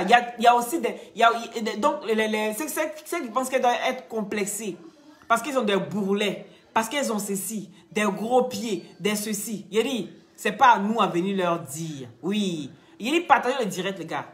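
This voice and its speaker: A woman's voice: a little high, a bit bright. A woman giving emphatic live-stream commentary, scolding her viewers and often asking them "hein?".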